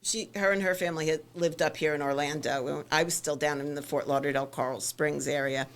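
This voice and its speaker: A middle-aged woman from South Florida, with a Florida accent and a New York twang, tells her story candidly as a podcast guest. Her voice sits low with a steady tone, and she speaks haltingly with many ums.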